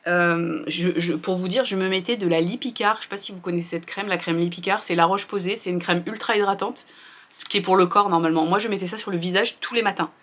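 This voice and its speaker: A woman's voice: fairly low pitch, fast talker, a bit bright. A woman, chatting casually through her skincare routine in a candid, rambling way with lots of fillers. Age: 30s. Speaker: beauty vlogger.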